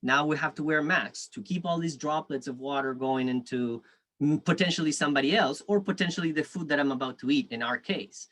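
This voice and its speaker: A man's voice: fairly high pitch, brisk, fairly bright tone. Spanish-accented man teaching an online workshop. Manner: friendly, reads chat aloud, frequent fillers. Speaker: food safety workshop instructor.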